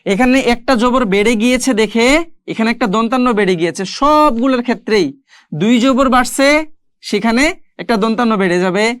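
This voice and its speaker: A woman's voice: on the high side, smooth, no echo. Patient woman teaching, dry close sound. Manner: patient, explaining then slowly drilling syllables. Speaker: Quran reading teacher. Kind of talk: step-by-step recorded lesson.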